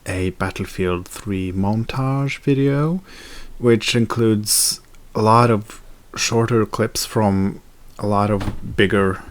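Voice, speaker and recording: A man's voice: lowish voice, fairly even intonation, slow. A young man chatting casually in a daily vlog, rambling with fillers and self-corrections. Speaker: video blogger.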